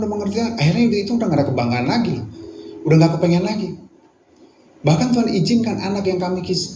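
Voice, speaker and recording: A man's voice: high-pitched, slight background noise. Impassioned preaching man, echoey hall. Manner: impassioned, swings from loud appeals to quiet reflection. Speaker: pastor. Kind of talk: sermon. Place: prayer meeting hall. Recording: echoey hall with music behind.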